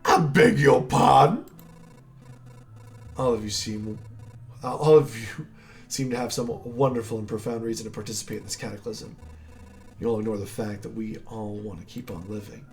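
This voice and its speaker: A man's voice: on the low side, fairly even intonation, moderate pace, vocal fry, long pauses, soft background music, pitched below the performer's own voice. A man voicing a gloating male monster hunter villain in a game, with a theatrical, sneering drawl.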